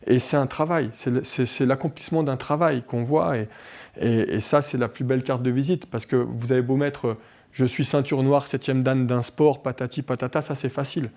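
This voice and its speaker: A Swiss martial arts instructor in his forties talks animatedly in a local TV interview, restarting often and using many fillers. He speaks at a medium pitch and a moderate pace.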